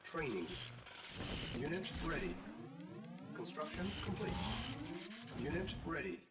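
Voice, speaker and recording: Calm computer announcer. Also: male voice, a little high, slow pace. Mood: calm, clipped. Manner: calm, clipped status reports. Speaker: in-game status announcer. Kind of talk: video game voice-over. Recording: roomy, distant game audio over loud battle noise.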